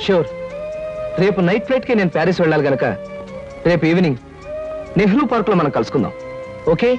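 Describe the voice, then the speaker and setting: A wisecracking young schemer. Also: male voice, high-pitched, very animated. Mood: charming. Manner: quick, wisecracking, mock-groaning. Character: cheeky young man, wily schemer. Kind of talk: 1980s film comedy acting. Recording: dull old film soundtrack, music behind.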